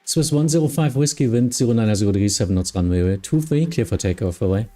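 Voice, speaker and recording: Mellow male streamer working as tower controller. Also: lowish voice, expressive, fast talker, faint music behind. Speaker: live streamer playing tower air traffic controller. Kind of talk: procedural clearances mixed with casual stream chat.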